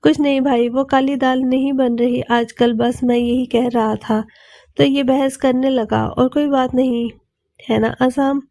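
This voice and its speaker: A touchy young man in a storybook reading, irritable and quick to get defensive, as a woman voices him. Mellow, fairly high and dry. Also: little pitch movement, no room sound. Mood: flustered. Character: touchy young man, flustered medical student brother.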